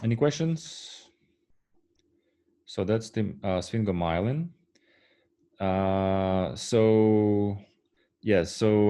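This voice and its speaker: A man giving a university science lecture, halting often with fillers and restarts and checking in with the class. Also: on the low side, dark tone. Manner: asks the class rhetorical "right?" checks.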